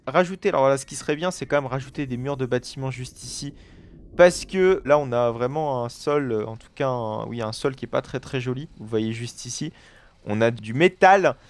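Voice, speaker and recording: A man giving casual let's play commentary as he builds in a game, narrating every step and dropping playful little sound effects. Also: mid-range voice. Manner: chatty, self-narrating, fills with "voilà" and playful "hop hop" and "bam" sounds. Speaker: gaming video creator.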